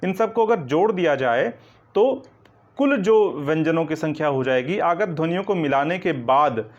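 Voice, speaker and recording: A man's voice: on the high side, animated, moderate pace. A man teaching Hindi grammar in an online coaching lecture. He explains step by step, keeps checking "ठीक है ना" and asks the class questions before answering them himself. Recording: dull lo-fi recording.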